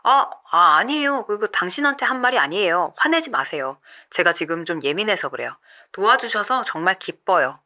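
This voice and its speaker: A man's voice: high-pitched, animated, brisk, pushed and bright, heavily acted. A woman voicing a boastful young male runner. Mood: placating. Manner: blustering, then pleading.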